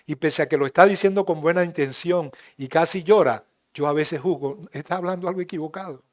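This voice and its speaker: Panamanian male pastor, slightly high voice, fiery sermon delivery with sudden loud peaks and soft asides. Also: normal speed. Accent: Panamanian Spanish. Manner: preaches with sudden loud emphatic rises and quiet asides. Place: church.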